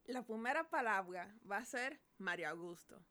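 A woman's voice: medium pitch, lively intonation, moderate pace, bright, forceful tone. Casual woman telling a story. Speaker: podcast co-host and storyteller. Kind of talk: improvised comic storytelling.

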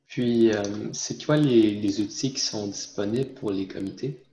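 A man hosting a podcast interview, asking relaxed questions with fillers. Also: lowish voice, normal speed, a little hiss or hum. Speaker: podcast host. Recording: muffled, roomy recording.

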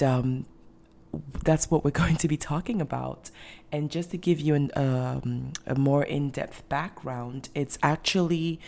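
A woman from Ghana with a low, slightly mellow voice hosts a casual faith podcast. Her monologue is earnest, full of ums and restarts.

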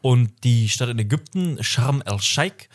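A man's voice: medium pitch, expressive, a little slow. Rambling young man in casual chat. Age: 20s. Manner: rambling, self-correcting, laughs often. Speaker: podcast co-host.

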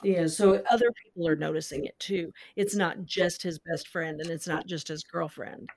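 A middle-aged woman hosting a podcast, chatting casually about a novel and chiming in with quick agreement. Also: on the low side, fairly even intonation, a little mellow. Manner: quick agreeing interjections, laughs easily. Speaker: podcast host. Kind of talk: casual book discussion.

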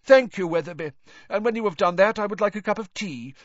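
Unhinged older wizard bureaucrat, high strained pitch, swooping intonation, gasping, rambling, storybook character, slightly dull recording. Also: male voice, expressive, a little fast, dry recording. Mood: delirious, officious. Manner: muttering, gasping, broken effortful speech. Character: deranged exhausted older wizard official, rambling and desperate.

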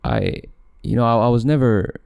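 A man's voice: mid-range voice, normal speed, gravelly, darkish tone, clean tone. A young man from Malaysia hosting his own podcast, rambling casually, correcting himself and laughing often. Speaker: podcast host. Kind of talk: casual solo podcast chat. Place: home room, camera set back.

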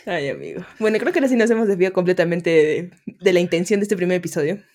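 A woman's voice: lowish voice, big pitch swings, fast, a little mellow. A woman co-hosting a podcast in casual chat, playful and teasing, laughing often. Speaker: podcast co-host.

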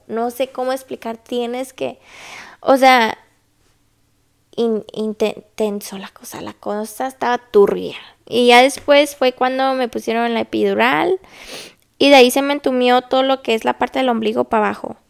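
A woman's voice: on the high side, gravelly, clear, resonant tone. A young woman with a Mexican accent, telling a story in a blunt, profane, casual way and slipping English phrases into her Spanish. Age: young adult. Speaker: vlogger.

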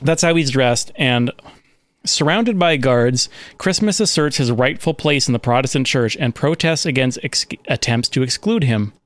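A man's voice: medium pitch, normal speed, dry recording. Profane, rambling man hosting a podcast. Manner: profane, rambling with many fillers. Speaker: podcast host. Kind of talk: casual comedic chat.

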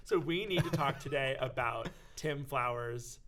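A man's voice: mid-range voice, a little slow, background noise. Playful male podcast co-host. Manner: playful, joking, quotes silly lines. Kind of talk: casual podcast chat.

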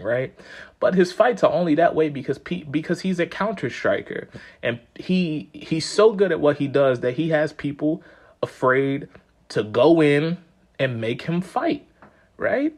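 A man hosting a podcast, talking through recent fights in a casual, animated and profane way. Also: on the high side. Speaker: podcast host. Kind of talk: casual sports commentary.

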